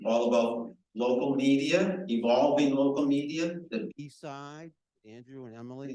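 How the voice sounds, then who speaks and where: A man with a deep voice that carries welcomes the audience at a live event as the association's chapter president, speaking loudly and chattily without a microphone. He is recorded from the room, an echoey event space at a nonprofit center.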